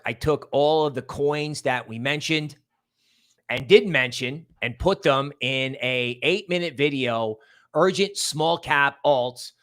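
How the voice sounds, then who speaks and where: Casual livestream chat from a male host, rambling and emphatic, with repeated words for stress, viewer shout-outs and promotion. His voice is a little high and fairly bright.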